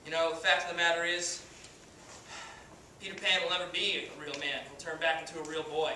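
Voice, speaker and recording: A young man playing a cocky, foul-mouthed baseball star, giving a swaggering halftime pep speech with deliberate pauses. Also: on the high side, little pitch movement, pushed and bright. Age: young adult. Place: indoor hall, stage area, far camera. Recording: distant, very echoey room, faint noise.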